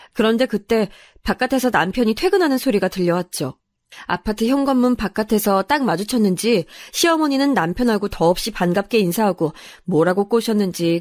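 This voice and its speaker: A woman narrating a first-person radio drama story in a soft, confiding manner. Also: mid-range voice, no room sound, clean studio sound.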